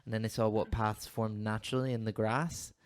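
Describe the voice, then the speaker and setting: A Northern Irish man, a counsellor, co-hosts a casual podcast chat in a fairly low, level, brisk voice. He rambles, interrupts himself, restarts sentences and laughs easily, with a slight cough now and then.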